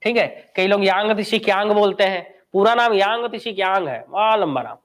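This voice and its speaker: A high-pitched man runs a live exam-coaching class. He talks in a chatty way, throws quick questions at his students and then answers them himself. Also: expressive, fairly bright tone. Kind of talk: live online class lecture.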